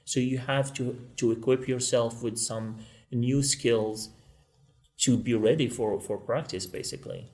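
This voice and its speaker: A man's voice: mid-range voice, fairly even intonation, measured pace, a little mellow. Earnest man from Morocco explaining. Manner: earnest, explaining at length with frequent fillers. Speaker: law school technology librarian and teacher. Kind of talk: podcast panel discussion.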